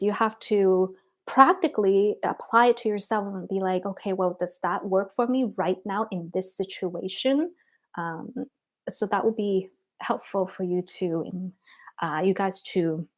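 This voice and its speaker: Casting: woman, thirties, mid-pitched, easygoing livestream host, loose and filler-heavy. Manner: chatty, frequent "like" and "um" fillers, laughs between thoughts. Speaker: spiritual teacher answering viewer comments. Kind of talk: casual livestream chat.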